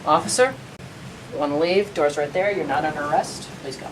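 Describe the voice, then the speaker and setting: An actor playing a stern police lieutenant who gives orders with dry sarcasm. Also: male voice, fairly high pitch, brisk, close to an everyday voice. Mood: curt. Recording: distant mic, noisy with rain.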